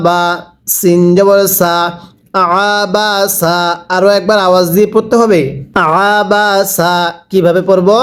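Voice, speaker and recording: High-voiced man teaching slow recitation. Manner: slow, drawn-out spelling of each letter and vowel; repeats and urges viewers to read along aloud. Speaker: Quran reading teacher. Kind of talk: spelling-out recitation lesson.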